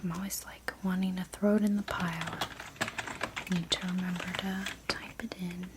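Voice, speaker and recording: A woman in a whispered role-play as a gentle, sleepy librarian, speaking softly and unhurriedly as she works at her desk. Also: lowish voice, level tone, normal speed, very noisy. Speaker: ASMR performer playing a librarian. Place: small indoor room at a desk.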